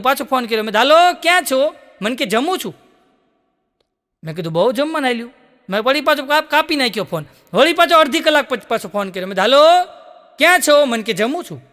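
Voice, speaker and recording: High bright-voiced comedian, hall echo. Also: male voice. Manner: lively storyteller acting out dialogue, laughing between jokes. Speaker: stand-up comedian. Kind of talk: Gujarati joke-telling stage show. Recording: long hall reverb.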